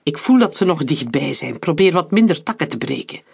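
A man voicing a cold, terse middle-aged male industrialist in an audiobook, with a husky voice. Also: on the high side, sing-song, fairly quick, heavily acted. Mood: curt. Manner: terse and commanding.

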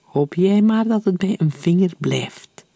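A man reading aloud, voicing a sly soldier who taunts in a low, hushed voice. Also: lively intonation, a little slow, creaky, no echo, exaggerated voice. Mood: taunting. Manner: hushed, mocking.

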